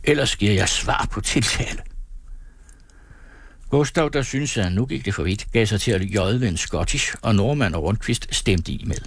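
A man reading a novel aloud as an audiobook narrator, in a measured storytelling manner. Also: fairly low pitch, no echo. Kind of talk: scripted narration.

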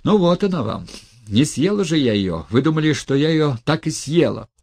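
A man voicing an imperious aging noblewoman who scolds in shrill outbursts and hissed whispers. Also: moderate pace, gravelly, darkish tone, slightly rough, no echo. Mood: furious. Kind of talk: audiobook character reading.

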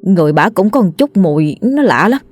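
A woman voicing a wary, level-headed village boy who talks quickly and cautiously. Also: mid-range voice, sing-song, darkish tone, dry recording, faint music behind.

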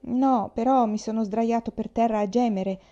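A woman's voice: on the high side, fairly even intonation, normal speed, mellow, dull audio, lightly acted. A woman reading aloud, voicing a sensitive, dreamy young boy who fears pain, in a plaintive, pleading way.

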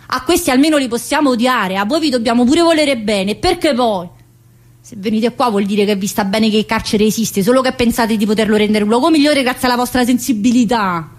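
A stage actress performs a colloquial theatrical monologue as a brash, teasing, restless middle-aged southern Italian woman in prison. Her voice is high, and she's chatty and confrontational, peppering her speech with interjections and questions.

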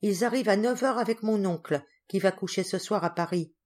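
A woman's voice: mid-range voice, brisk, a little mellow, natural voice. A woman voicing an eager, timid little girl who speaks in a pleading way in a storybook reading.

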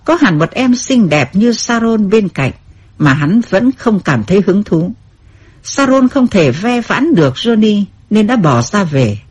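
A woman introduces an audiobook episode in a scripted address to listeners. Her voice is husky with a lively, wide pitch range. She summarizes the story directly to the audience. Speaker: audiobook host introducing the reading.

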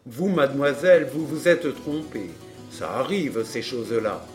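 A man's voice: medium pitch, lively intonation, a little slow, a little mellow, close to an everyday voice. A man reading the part of a breezy, wry rogue of a friend, offhand and dry, with faint music behind.

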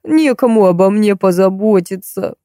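A woman's voice: mid-range voice, lively intonation, moderate pace, mellow, no room sound, clean studio sound, natural voice. A woman reading an audiobook, voicing a whining, begging old woman with a cracked, tearful voice. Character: whiny, wheedling old woman, a drinking pensioner.

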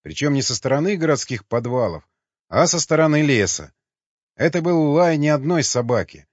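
A man narrating an audiobook in a dramatic, expressive way. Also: a little high, normal speed, no room sound. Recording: dull, slightly lo-fi dry recording.

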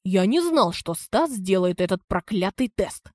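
A woman's voice: medium pitch, very animated, measured pace, a little mellow, no room sound, clean studio sound. A woman reading an audiobook, voicing an unfaithful older husband who blusters. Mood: defensive. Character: unfaithful older husband, defensive then yelling.

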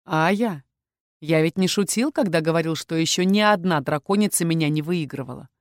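A woman reading the lines of a possessive young dragon-shifter man in a hushed, insistent, heated tone, in an audiobook. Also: sits low, normal speed, dry recording, clean studio sound, close to an everyday voice. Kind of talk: audiobook character voice.

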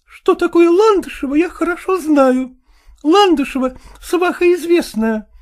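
A man doing a shrill, jealous, tearful woman. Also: a little slow. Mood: reproachful. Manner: shrill, pressing, reproachful questioning. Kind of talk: audiobook character reading.

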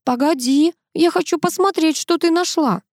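A woman's voice: extremely high pitch, moderate pace, a little mellow, no echo, clean studio sound, pitched above the performer's own voice. A woman voicing a hysterical woman who is terrified of mice and shrieks her lines. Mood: panicked. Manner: shrieking, screaming.

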